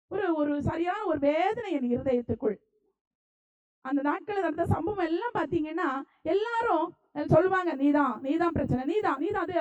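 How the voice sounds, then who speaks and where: A woman's voice: very high voice, darkish tone, low-quality recording. A woman preacher from Tamil Nadu with a Tamil Nadu accent, delivering a fervent sermon and repeating phrases for emphasis.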